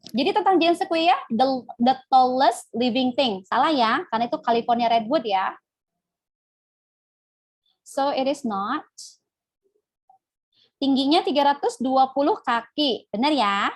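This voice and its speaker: Chatty young woman teaching a live class. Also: fairly high pitch. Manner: chatty, addresses viewers as guys, self-correcting. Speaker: English teacher. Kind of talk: casual live online lesson.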